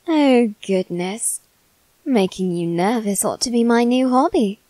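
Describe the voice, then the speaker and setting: A woman's voice: on the high side, lively intonation, slow, mellow, no room sound. Alois Trancy, taunting young demon played by a woman. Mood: teasing, smug. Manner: theatrical, taunting, mock-polite. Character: teasing, haughty young male demon servant. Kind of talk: ASMR character roleplay addressed to the listener.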